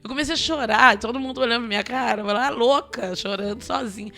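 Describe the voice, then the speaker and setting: Bright-voiced Brazilian woman preaching passionately. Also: fairly high pitch, fast talker, faint music behind. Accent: Brazilian Portuguese. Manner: impassioned, repeating phrases, bursts of tongues. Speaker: missionary preacher. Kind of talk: sermon testimony.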